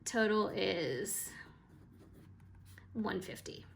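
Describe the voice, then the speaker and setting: A woman vlogger talking casually through her cash budget, a bit hoarse and chatty, with frequent hesitations. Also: medium pitch, expressive, very slow, a little hiss or hum. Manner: chatty and hesitant, with frequent ums and trailing asides.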